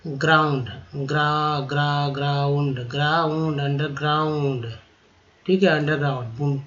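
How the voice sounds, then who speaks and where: A male teacher spells out English vocabulary letter by letter and repeats each word several times. His voice sits a little high and he talks at a very unhurried pace. The recording is dull and lo-fi. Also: flat delivery, a bit bright. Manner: spells words letter by letter, repeats them slowly; explains pronunciation rules patiently, asks and answers own questions. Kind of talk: slow spelling-out lesson.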